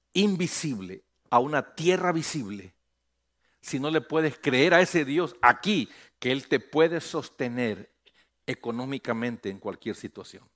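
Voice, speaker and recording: A man's voice: medium pitch, a bit bright. A middle-aged man, a pastor preaching a sermon, calling on the congregation to repeat after him and rising to emphatic peaks.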